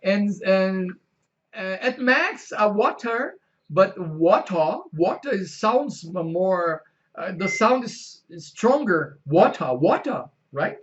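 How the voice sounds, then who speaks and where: A man with a Brazilian Portuguese accent hosting an interview in English, halting with many fillers. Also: sits high, lively intonation, a bit bright. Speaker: host, English teacher. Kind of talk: casual interview. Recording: dull lo-fi sound.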